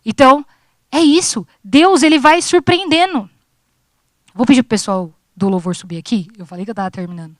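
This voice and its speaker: Speaking a little fast in a high voice on a dry recording, a thirty-something woman preaches at a church youth service. Her sermon is informal and humorous, and she dramatizes her own dialogues with God.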